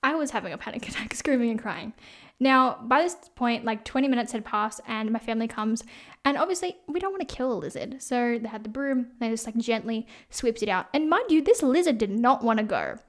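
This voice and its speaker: A young woman talks in a chatty, rambling way and peppers her sentences with "like". Her voice sits a little high. She hosts a casual storytelling podcast. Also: fairly quick. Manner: chatty, animated, heavy use of "like". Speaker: podcast host and salon owner.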